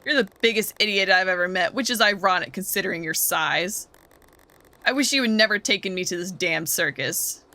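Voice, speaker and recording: A woman's voice: mid-range voice, bright, forceful tone. A woman voicing a blunt, sarcastic young apprentice in a game. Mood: angry. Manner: sarcastic, rude, quick.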